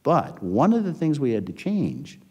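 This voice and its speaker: With a long hall reverb on the recording, an older man being interviewed about his career tells rambling stories and restarts often. His mid-range voice moves at a normal speed, darkish and slightly rough, with huge pitch swings.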